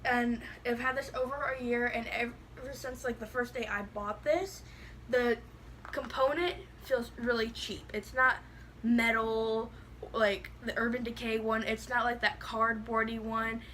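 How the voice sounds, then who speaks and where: A woman's voice: a little high, steady tone, unhurried, fairly bright tone, slight background noise. A woman with a lisp that makes her s sound slushy, chatting casually and bluntly through a product review, rambling with lots of "like". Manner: blunt, rambling, heavy use of "like".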